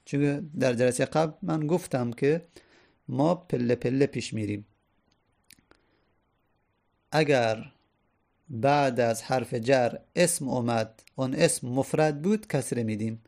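Gravelly man teaching grammar patiently. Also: medium pitch, long pauses, a little mellow. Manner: patient, repeats each point step by step. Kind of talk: classroom grammar lesson.

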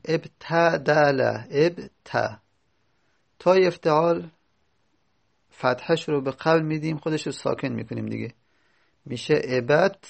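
Very gravelly male teacher. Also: fairly high pitch. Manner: repeats each word form slowly while explaining step by step; reads out lines of a textbook before explaining them. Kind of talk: grammar lesson.

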